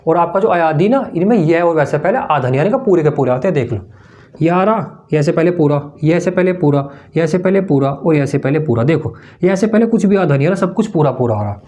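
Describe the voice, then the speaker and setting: Male teacher, exam-prep lesson, higher-pitched voice, repeats every point, calls students brother. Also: animated, a little fast, darkish tone. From India. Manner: explains with many repetitions, calling students "brother". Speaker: Hindi grammar teacher.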